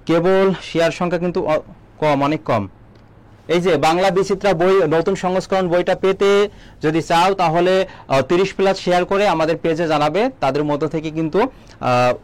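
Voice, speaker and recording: A young man teaching admission coaching leads a live exam-prep lesson, quickly quizzing his viewers and reading their answers and comments aloud. His voice is a little high for a man, and he holds a steady teaching rhythm.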